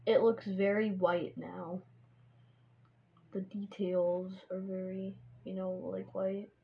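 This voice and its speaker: A woman's voice: mid-range voice, little pitch movement, slow, vocal fry. A woman chatting casually while she draws, rambling and joking and filling her talk with "like". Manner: chatty and joking, says "like" constantly. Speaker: vlogger drawing on camera. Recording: dull, noisy home recording.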